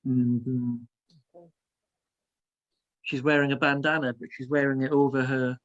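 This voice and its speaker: A man's voice: mid-range voice, little pitch movement, unhurried, lo-fi sound. A man running a tabletop role-playing game as game master, narrating it in a hesitant, piecemeal way.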